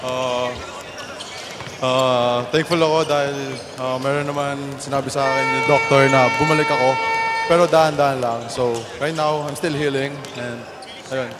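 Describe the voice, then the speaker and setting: A man in his twenties with a Filipino accent, answering haltingly as an interviewed athlete. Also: medium pitch, fairly even intonation. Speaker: basketball player being interviewed. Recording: reverberant gym with court noise.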